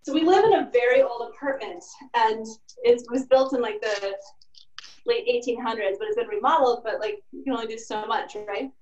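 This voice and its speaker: This cooking instructor chats her way through a casual demo in the kitchen of an old apartment, leaning on fillers like "like" and "kinda." Her voice is a little high, a little mellow, and fairly quick. She's off-mic in an echoey room, and the audio is muffled.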